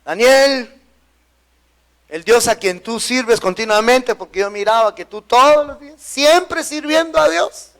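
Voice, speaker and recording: A man's voice: extremely high pitch, measured pace, a bit bright, pitched above the performer's own voice, full character voice. A preacher voicing a grieving ancient king. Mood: sorrowful. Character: grieving ancient king calling into a lions' den.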